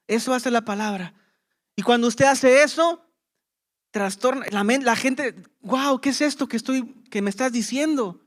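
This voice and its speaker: A man's voice: extremely high pitch, fairly bright tone. A man preaching a sermon as pastor, with impassioned emphasis and rhetorical questions to the congregation.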